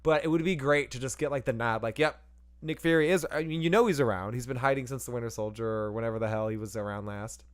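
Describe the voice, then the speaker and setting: Casual podcast co-host, male, rambling and profane, mid-pitched, laughs a lot. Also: fast. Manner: rambling, profane, laughs often, acts out silly voices. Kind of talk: casual movie review chat.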